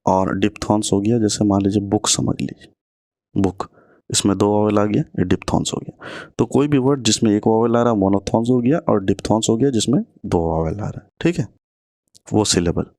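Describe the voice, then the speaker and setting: Deliberate male exam-prep teacher. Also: on the low side, mellow, dry recording, clean studio sound. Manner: reads English questions slowly, then explains quickly in Hindi. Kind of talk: online exam-prep lesson.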